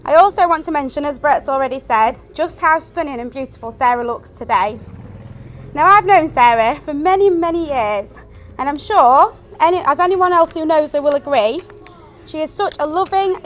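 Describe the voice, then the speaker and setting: A woman's voice: high voice, expressive, moderate pace. A woman giving an earnest, affectionate wedding toast speech as best woman, reading from prepared words.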